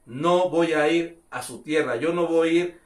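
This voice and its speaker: Mexican pastor preaching in an echoey church. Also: male voice, on the high side, a little slow. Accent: Mexican Spanish. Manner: storytelling, acting out the characters with raised voice. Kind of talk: sermon. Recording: echoey church room, voice from far off.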